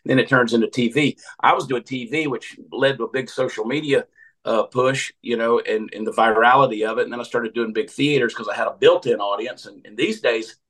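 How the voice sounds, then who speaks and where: A man's voice: mid-range voice, fairly bright tone, low-quality recording. Folksy fifty-year-old Southern man. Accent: Southern American. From Georgia, USA. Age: 50s. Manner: folksy, joking, rambling with restarts. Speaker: comedian and podcast host. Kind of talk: casual storytelling chat.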